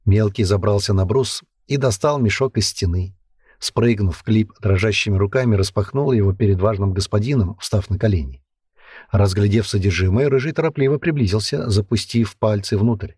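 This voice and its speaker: A male narrator reads the audiobook in a steady, storytelling manner. His voice is low and husky, set in a dry, close recording. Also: moderate pace, no room sound.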